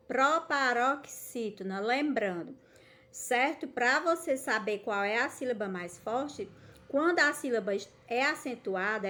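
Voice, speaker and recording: A Brazilian woman teacher giving a patient recorded lesson to young children, often checking in to ask whether they follow and drawing words out slowly to show the stressed syllable. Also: on the high side, fairly bright tone. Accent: Brazilian Portuguese.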